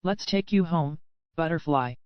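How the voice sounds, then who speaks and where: A woman narrator voicing a cold, possessive young man with a deep voice, calm and controlled, in a clean, dry, slightly muffled recording. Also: measured pace, clear, resonant tone, no echo, lightly acted. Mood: cold, controlling.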